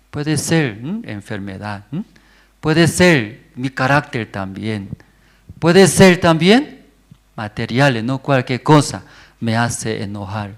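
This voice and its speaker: A male pastor leads a church prayer service at an unhurried pace. He speaks in short, simple bursts and keeps checking in with his listeners after nearly every phrase. His questions to the congregation rise loud and animated, set against a mid-pitched voice. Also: creaky. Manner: constantly checks in with the congregation with a rising 'mm?' and 'verdad, no?'.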